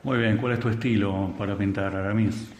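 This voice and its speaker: A man's voice: lowish voice, fairly even intonation, normal speed, darkish tone. A Uruguayan man interviewing for radio, asking brief, direct questions. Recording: echoey room with long reverb.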